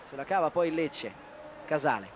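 Guy calling a football match live, voice a bit high, short clipped phrases, lots of stadium noise. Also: lively intonation, normal speed. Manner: terse, clipped phrasing, naming players as they touch the ball. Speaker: football commentator. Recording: loud outdoor stadium noise, old broadcast. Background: outdoor stadium ambience.

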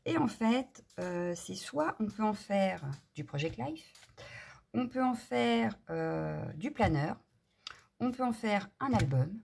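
A woman's voice: medium pitch, expressive, slow, vocal fry, darkish tone, husky. A woman chatting casually through a craft haul, hesitant and full of fillers. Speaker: craft vlogger.

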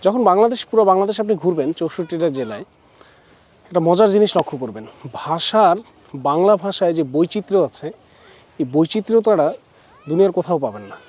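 A man from Bangladesh gives a chatty, casual walking tour in a high but mellow voice. He talks outdoors among forest trees and sprinkles in English words. He stops often to correct himself mid-sentence. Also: big pitch swings, brisk. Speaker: travel vlogger. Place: outdoors at a forest riverside resort.

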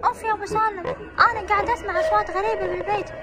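A woman's voice: very high voice, steady tone, very fast, over a noisy crowd, heavy background noise. A woman playing fretful mother Umm Salem. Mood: fearful. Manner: anxious, fretful exclamations. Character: fearful mother Umm Salem, middle-aged.

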